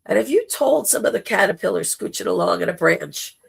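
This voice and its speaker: Spiritual livestream host: very gravelly, hoarse voice, informal and gently encouraging delivery. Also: mid-range voice, expressive, a little fast. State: temporarily hoarse.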